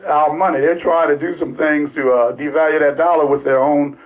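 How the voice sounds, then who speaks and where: A man's voice: fairly high pitch, fairly even intonation, brisk, poor audio. Radio co-host, man, Baltimore accent, rambling and filler-heavy, casual studio talk. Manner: rambling, lots of fillers and restarts.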